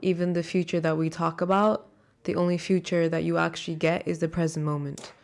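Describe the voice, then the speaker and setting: A woman's voice: lowish voice, level tone, brisk, gravelly, a little mellow. A woman with a blended transatlantic accent, chatting earnestly and reflectively on the radio, checking that listeners follow her. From raised in Malawi, then Sharjah. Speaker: radio show guest. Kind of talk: casual, reflective radio chat.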